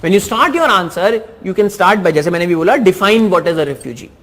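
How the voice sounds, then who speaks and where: A man's voice: sits high, expressive, racing, fairly bright tone. A man with an Indian English accent reviewing exam answers in a lesson, repeating key phrases for emphasis. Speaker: teacher.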